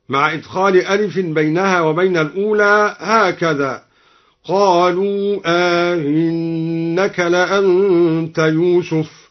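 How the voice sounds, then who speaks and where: Brief: man teaching Quran reading variants, high voice, measured explanations broken by slow chanted recitation. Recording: dull lo-fi archival radio recording.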